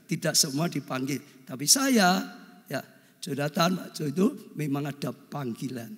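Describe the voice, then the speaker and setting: Older male pastor, high husky voice, lively sermon in a reverberant hall. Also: unhurried. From Indonesia. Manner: animated, repeatedly addressing the congregation. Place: church.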